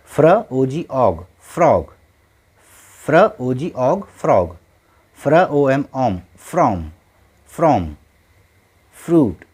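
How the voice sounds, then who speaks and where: A man's voice: a little high, a little mellow. A man teaching English phonics, spelling out letters and sounding out each word, then repeating it patiently several times.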